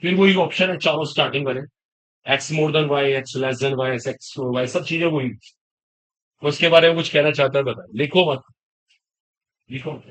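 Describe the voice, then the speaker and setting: A man's voice: a little high, normal speed, long pauses, fairly bright tone, low-quality recording. A man teaching chemistry to a class, questioning students and repeating key points. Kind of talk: classroom lecture.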